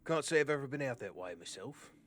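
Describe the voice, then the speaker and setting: A man's voice: medium pitch, expressive, fast talker, a bit bright, pitched above the performer's own voice, close to an everyday voice. A man voicing a stocky, wary dwarf mercenary who rambles and hedges. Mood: chatty. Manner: rambling, hesitant, guarded.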